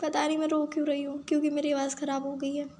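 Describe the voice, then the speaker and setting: A woman with a hoarse, worn-out throat giving playful, self-mocking casual commentary over her game stream. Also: sits high, completely flat delivery, fast talker, mellow, slight background noise.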